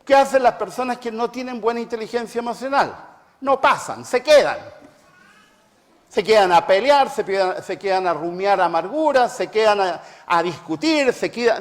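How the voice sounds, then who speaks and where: Middle-aged guy giving a sermon, high voice, hammers home points by repeating them, long hall echo. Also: expressive, normal speed. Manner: emphatic, repeats phrases for stress. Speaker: preacher and family therapist. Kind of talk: reflective talk with personal anecdotes. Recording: long reverb, large hall sound.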